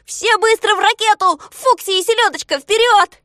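A woman voicing a sensible male leader who calls out loudly. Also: big pitch swings, quick pace, dry recording, clean studio sound, full character voice. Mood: urgent calling. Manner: calling out loudly, high. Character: clever calm male leader of little folk.

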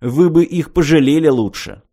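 A man reading the lines of a calm, ironic man who coolly and politely provokes a gang of bullies. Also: a little high, pitched above the performer's own voice. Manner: polite, cool, measured.

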